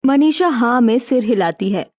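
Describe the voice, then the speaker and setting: A woman narrating a cartoon story in a steady, plain way. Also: a little high, moderate pace.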